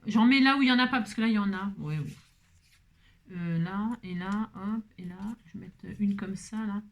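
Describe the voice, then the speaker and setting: A woman's voice: mid-range voice, moderate pace. A woman hosting a craft tutorial, chatting playfully to herself and her viewers and breaking into song.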